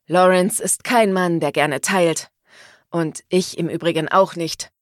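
A woman's voice: on the low side, steady tone, measured pace, dry recording, clean studio sound, lightly acted. Woman doing a smug teasing gangster man. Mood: taunting.

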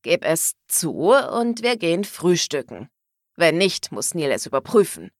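A woman voicing a menacing, dominant gangster man with a rough, low voice, speaking slowly and threateningly. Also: very animated, no echo, studio quality.

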